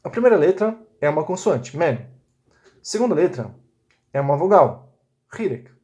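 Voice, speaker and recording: A man walks through a recorded lesson one step at a time, pausing to check in with his listeners. His voice sits a little higher than most men's, and his pace is patient and methodical. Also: big pitch swings, darkish tone. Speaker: Biblical Hebrew teacher.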